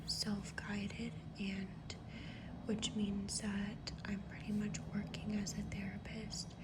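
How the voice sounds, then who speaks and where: A woman speaking in a soft, breathy whisper in a casual ASMR chit-chat, halting as she goes. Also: medium pitch. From Mohawk First Nation reserve in North America. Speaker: ASMR creator. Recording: clear background noise, pencil drawing sounds. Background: writing or drawing sounds, ambient noise.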